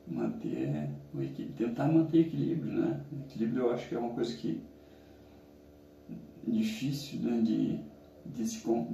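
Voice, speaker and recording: Mellow, creaky-voiced Brazilian man in ice cold water. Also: medium pitch. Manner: speaking while sitting in ice cold water, halting phrases. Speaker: challenge vlogger. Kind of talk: casual reflective monologue. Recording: roomy, echoing, distant mic, faint noise.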